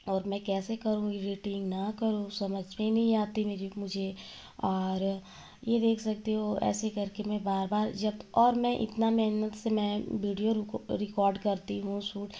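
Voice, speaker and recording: A woman vlogger, hoarse from a cold, explaining a wedding's rituals to viewers in a casual vlog. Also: mid-range voice, mellow. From Jharkhand, India.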